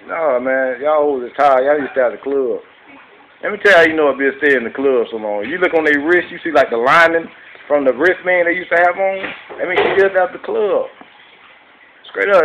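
A man with a fairly high voice rants casually to his phone camera on a street. His talk is animated and joking, with loud bursts, and faint outdoor noise sits behind him. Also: muffled recording. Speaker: street vlogger.

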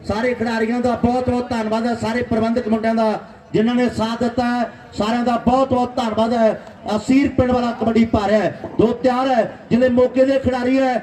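A man's voice: very high-pitched, little pitch movement, fast talker, dark tone. A man makes polite live announcements at a sports event. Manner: polite, thanking and requesting. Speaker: tournament announcer and organiser. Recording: echoey outdoor PA, distant mic.

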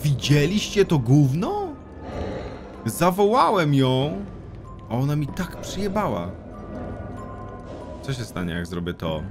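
Excitable swearing young man gaming. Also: slow pace, long pauses. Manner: excitable, swears a lot, yells in panic, then drops to a low mutter. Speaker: gaming YouTuber. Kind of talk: let's play commentary. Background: game music.

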